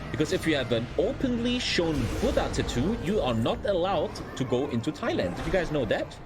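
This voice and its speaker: A man with a German accent and a slightly high voice speaks a little fast, his pitch swinging widely, with loud music in the background. Chatting casually on a livestream over gameplay, he rambles, stays blunt and curses heavily.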